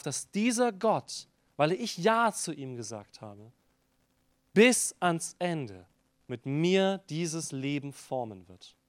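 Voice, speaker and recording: A man preaching a sermon in a somewhat high voice, speaking directly to his congregation. He climbs to loud, emphatic peaks, then lets his phrases sink to a hush. The sound is close and dry. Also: no echo. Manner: swings between loud emphatic peaks and hushed phrase endings.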